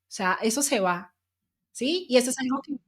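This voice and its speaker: A woman hosting a podcast, speaking in a reflective, calm conversational way. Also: a little high, moderate pace, slightly rough. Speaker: podcast host. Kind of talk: conversational interview.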